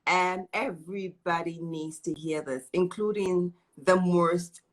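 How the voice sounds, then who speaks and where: Slow-paced and lowish in pitch, a woman runs a live online show, chatting informally with a guest she effusively encourages. She tends to repeat phrases over and over.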